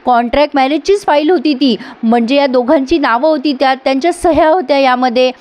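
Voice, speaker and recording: Woman doing a shrill, pleading young schemer. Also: quick pace, darkish tone, natural voice.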